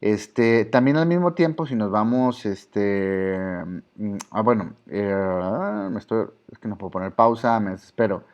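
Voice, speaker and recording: A male teacher, explaining a lesson and often pausing with fillers and restarts. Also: on the low side, a little mellow. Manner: explanatory, with frequent "este" fillers and self-corrections. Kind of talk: recorded online lesson. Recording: slightly dull lo-fi audio.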